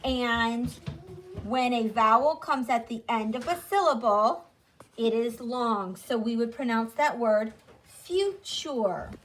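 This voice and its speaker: Woman teaching phonics, slow and careful, kinda high voice, draws out every sound for the kids. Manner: drawn-out, over-enunciated sounds for children to repeat. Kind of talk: slow, deliberate phonics lesson.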